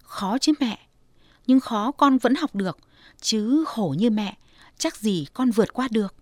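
A woman voicing a loving young adult daughter who talks softly and coaxingly to her mother. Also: fairly high pitch, animated, a little slow, no echo. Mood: tearful. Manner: soft, pleading, teasing.

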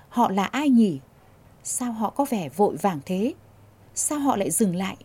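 A woman reading a story aloud in a calm, measured way. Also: medium pitch, slightly rough. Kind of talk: scripted narration.

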